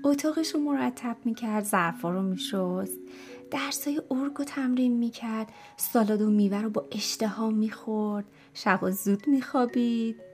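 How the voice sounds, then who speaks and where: A woman narrating a children's story in an expressive way, speaking straight to the young listeners. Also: mid-range voice.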